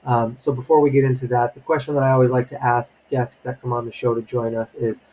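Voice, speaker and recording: A man's voice: mid-range voice, flat delivery, fast, darkish tone, a little hiss or hum, poor audio. A man hosting a podcast interview, giving upbeat, welcoming introductions and asking questions. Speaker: podcast host.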